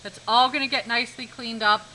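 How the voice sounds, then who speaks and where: Bright, high-voiced woman teaching art class. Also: steady tone, a little fast, slight background noise, rough recording. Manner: instructive, repeats key points, checks understanding. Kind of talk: live classroom demonstration lesson.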